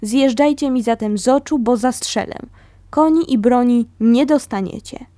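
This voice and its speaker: A man's voice: extremely high pitch, moderate pace, mellow, no echo. A woman reading a curt, stern army cadet. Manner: curt and threatening.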